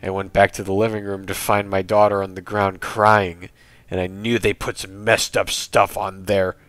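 Deep-voiced man narrating horror stories. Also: little pitch movement, moderate pace, fairly bright tone, dry recording. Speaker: creepypasta narrator. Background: faint background music.

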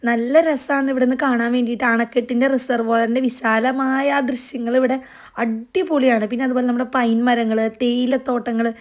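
A woman narrates a casual travel vlog. She talks quickly and chattily, addressing her viewers directly as she goes. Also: fairly high pitch, little pitch movement. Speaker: travel vlogger.

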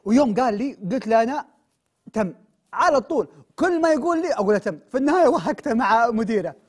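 A young man with a Saudi accent plays his part in a comic sketch with a high, light voice. He talks very fast. His manner is breezy and offhand, and he brushes every worry aside with easy promises. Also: expressive, slightly rough. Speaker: comedy show co-host.

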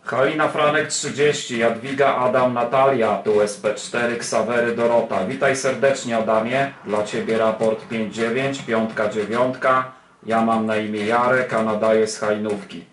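Sitting at a desk beside a transceiver in an indoor room, a man informally demonstrates an amateur radio, muttering mild swear words and calling out over the air. His mid-range, slightly bright voice has fairly even intonation and a moderate pace. The roomy recording is noisy with radio static, with receiver noise and chatter in the background.

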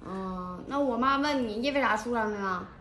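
A woman's voice: on the high side, normal speed, fairly bright tone, reverberant, close to an everyday voice. A woman playing a bossy, exasperated young woman in a casual comedy skit. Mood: instructing. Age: 20s. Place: small lounge indoors.

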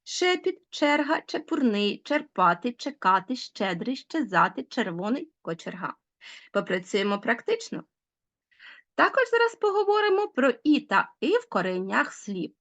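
A woman teacher giving a recorded school lesson, clearly and deliberately dictating example words to pupils. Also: fairly high pitch, sing-song, a bit bright.

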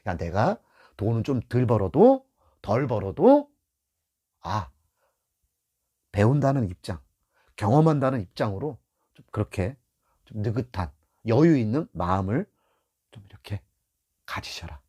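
A man's voice: mid-range voice, measured pace, long pauses. A middle-aged man who drives a taxi gives beginners blunt, casual advice, acting out scenes from the road and repeating his key points. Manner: animated, acts out scenes from the road. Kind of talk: casual spoken lesson.

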